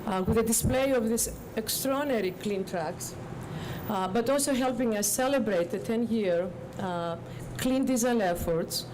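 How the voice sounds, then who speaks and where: A woman giving an informal public speech as a guest official, in deliberate, halting short phrases. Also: a little high. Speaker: government agency director, guest speaker. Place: outdoors on a public street. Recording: outdoor street with loud traffic noise. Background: clear traffic noise.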